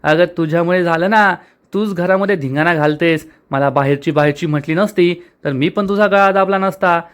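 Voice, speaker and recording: A man's voice: a little high, moderate pace, fairly bright tone, clear, resonant tone, close to an everyday voice. A man voicing an angry, scheming older woman in a storybook retelling, reading her lines in a scornful, quarrelsome manner.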